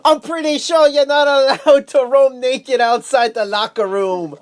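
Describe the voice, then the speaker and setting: A man's voice: extremely high pitch, fairly even intonation, normal speed, voice pushed up. A man doing a playful fake accent during a party game; it drifts toward Jamaican. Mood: mock-tough. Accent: put-on Jamaican-like.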